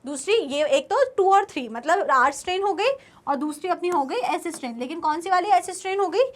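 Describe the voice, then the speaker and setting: A woman's voice: very high voice, animated, brisk. A young woman teacher giving an online class lecture. She keeps asking her students questions and then answers them herself.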